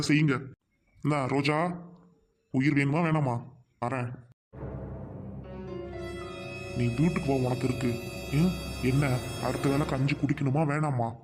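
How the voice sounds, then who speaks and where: A man's voice: medium pitch, a little mellow, close to an everyday voice. A man playing a greedy village husband and father who orders and threatens his family. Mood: scheming. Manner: gruff, menacing orders. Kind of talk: amateur family drama acting.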